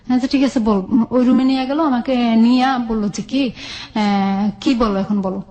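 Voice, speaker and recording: Speaking at normal speed with a fairly high, warm voice and fairly even intonation, a Bangladeshi-accented woman candidly recounts her life in an interview. She talks colloquially and frequently acts out past conversations.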